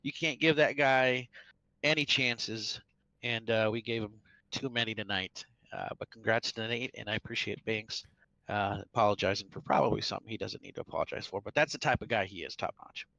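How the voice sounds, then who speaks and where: A man's voice: on the low side, creaky, no echo, muffled recording. A man, a sim racing driver, earnestly recapping the race in a post-race interview. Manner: earnest, animated, quick recap.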